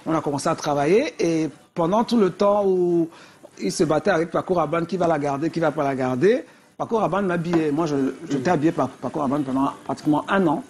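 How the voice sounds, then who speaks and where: A middle-aged woman from Cameroon with a Cameroonian accent and a deep, low voice, a singer telling lively stories as a guest on a TV talk show. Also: fairly quick, a little hiss or hum. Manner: lively anecdotal storytelling.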